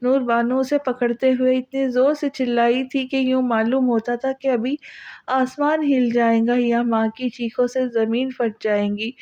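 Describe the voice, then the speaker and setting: A woman's voice: on the high side, a little mellow, dull audio. A woman narrating an Urdu novel as an audiobook in an emotional, dramatic way. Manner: emotional, voices the characters' cries.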